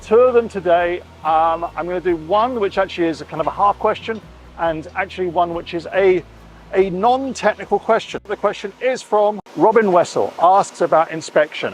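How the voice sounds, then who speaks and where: Inside a catamaran under construction at a boatyard, its middle-aged owner leads an enthusiastic walkthrough vlog at normal speed, his voice high. He chats away, admiring the details and oohing often, over slight background noise.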